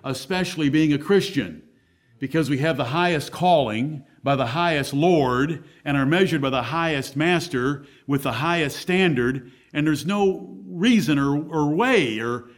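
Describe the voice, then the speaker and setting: A man's voice: a little high, a little slow. A man preaching a sermon as pastor at a pulpit microphone, emphatic and blunt.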